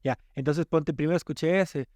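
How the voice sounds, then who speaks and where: This music producer from Ecuador's coast speaks a little fast in a slightly high, mellow voice as a podcast guest, casual yet emphatic and explanatory, with repeated words when he starts. The sound is clean and studio-grade with no room noise.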